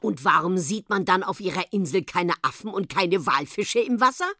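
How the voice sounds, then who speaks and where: A woman voicing a grumpy, blustering male town policeman in a storybook reading, loud and officious. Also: medium pitch, expressive, unhurried, dry recording, clean studio sound, voice pushed up, lightly acted.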